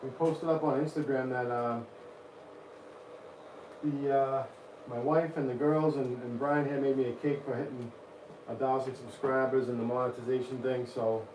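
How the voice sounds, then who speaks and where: A man's voice: medium pitch, fairly even intonation, moderate pace, a little mellow. A man in his forties with a Boston accent, chatting informally and rambling a little as he hosts a casual live stream. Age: 40s. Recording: roomy echo, distant mic, noisy.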